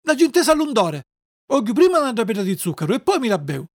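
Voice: mid-range voice, sing-song, quick pace, no room sound, studio quality, pitched above the performer's own voice. A reader voicing a stubborn, whining wooden puppet boy in a dialect, from sulky protests to wailing pleas. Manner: wailing, pleading, petulant.

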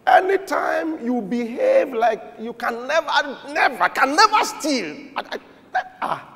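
A man preaching a sermon, swinging from shouted points to murmured asides. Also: very high voice, wildly swooping pitch, unhurried, breathy edge, long reverb tail. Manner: emphatic, swings between shouting and murmuring, chuckles often.

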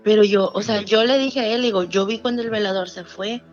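A woman's voice: medium pitch, fairly quick, dull audio, faint music behind. A woman with a Mexican Spanish accent telling a true scary story in casual conversation, acting out the voices of the people in it. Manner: animated retelling with quoted dialogue.

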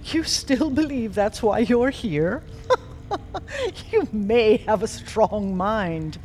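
A woman's voice: mid-range voice, animated, slow pace, a little mellow, slight background noise. A woman playing an imperious, menacing mystic villainess in an audio drama, grandiose and taunting. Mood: smug, menacing. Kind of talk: dramatic audio fiction acting.

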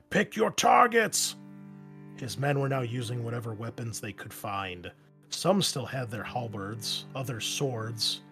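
A man acting as game master, describing the scene and reading battle narration aloud at a measured, steady pace. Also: on the low side. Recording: music playing underneath.

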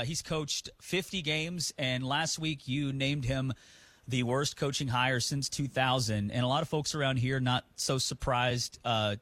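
A man hosting sports talk radio, giving animated opinions with lots of restarts. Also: mid-range voice, dry recording. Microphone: studio mic.

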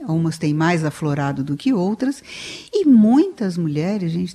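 A middle-aged Brazilian woman, a clinical psychologist guest on a radio talk show, explaining lively and acting out what people say. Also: medium pitch. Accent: Brazilian Portuguese. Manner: animated, acts out quoted people in raised voice.

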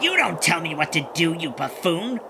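A man's voice: on the high side, very animated, moderate pace, background noise. A man voicing a bossy, sneering, conceited poacher boss, the villain of a children's audio adventure, full of scornful insults. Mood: irritated, bossy.

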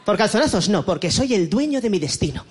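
Lively Spanish man doing stand-up. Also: sits high, fast talker, crowd noise, background noise. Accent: Spain. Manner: mocking, exaggerated rants with voiced impressions. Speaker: stand-up comedian. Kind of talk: stand-up comedy set. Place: comedy club stage with a live audience. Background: audience laughter.

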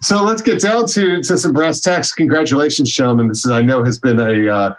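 A man's voice: medium pitch, brisk. A man hosting a podcast in a casual, teasing way, joking with his co-host and guest. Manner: jokey, teasing, easygoing.

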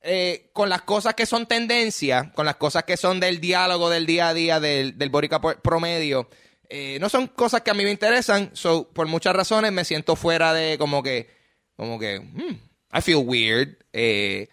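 A man's voice: on the high side, moderate pace, fairly bright tone, dry recording, clean studio sound. A young man with a Puerto Rican accent, hosting a podcast in a loose, profane, rambling casual chat. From Puerto Rico. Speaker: podcast host.

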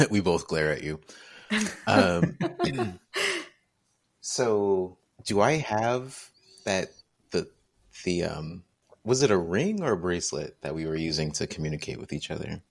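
A man playing a tabletop game, chatty and casual, asking quick questions. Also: deep voice, very animated, creaky. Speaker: player.

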